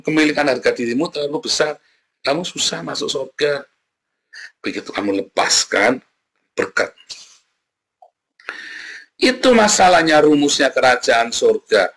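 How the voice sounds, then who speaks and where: A man preaching a sermon as pastor, animated and dramatic, often turning to address his listeners directly. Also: mid-range voice.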